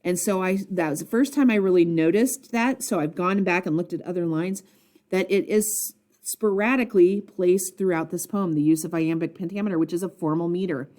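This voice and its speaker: A woman records a poetry annotation lesson, speaking as a teacher who thinks aloud. Her voice sits low and sounds warm and relaxed. She fills her pauses with ums and keeps asking her students questions about the text.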